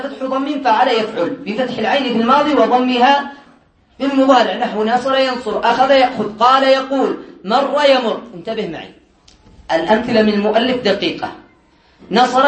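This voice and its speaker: His voice very high and fairly bright, the Islamic studies teacher runs a classroom lesson on Arabic word patterns, drilling them by repetition and quizzing students with quick questions he answers himself, with light humor, all in an echoey room.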